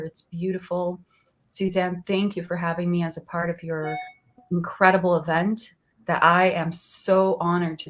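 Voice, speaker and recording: Woman, thirties, lower-pitched voice, earnest and soft-spoken, astrologer guest. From Brazil. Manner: soft-spoken, earnest, laughs often, frequent restarts. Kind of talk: warm personal interview storytelling.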